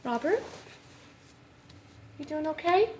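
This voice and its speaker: A woman's voice: high voice, expressive, slow, dark tone, a little hiss or hum. An actress playing an inexperienced woman therapist leading a support group, with earnest, probing questions. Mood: coaxing.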